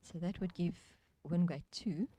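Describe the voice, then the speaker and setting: Woman, low-pitched, dark relaxed tone, lawn bowls co-commentator, brief golf-style remarks, faint background noise. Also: unhurried. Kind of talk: live sports commentary.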